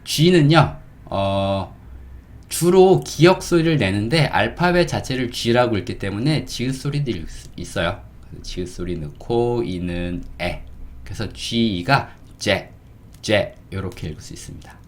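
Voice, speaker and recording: A man acting as an English teacher gives a casual spoken lesson, speaking slowly and stretching his words while frequently checking in with the listener. His voice is lowish and expressive.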